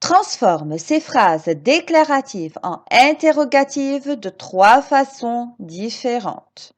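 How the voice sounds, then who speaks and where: A woman teaching grammar to children, slow and emphatic, repeating each example and encouraging her pupils with questions. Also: on the high side, animated, a little mellow. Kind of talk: recorded grammar lesson for children.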